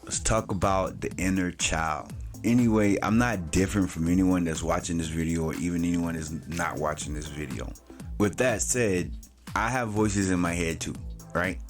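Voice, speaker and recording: A man in his late forties hosts his own vlog in a deep voice at normal speed, with faint music behind him. He talks loose and slangy, swearing freely and filling his speech with "you know."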